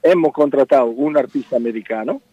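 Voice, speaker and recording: Over phone-quality sound with no echo, a middle-aged Spaniard with an Italian accent talks about running his circus in a radio interview. He speaks fairly quickly in a mid-range voice. He hesitates, says things twice, and uses "mire" a lot.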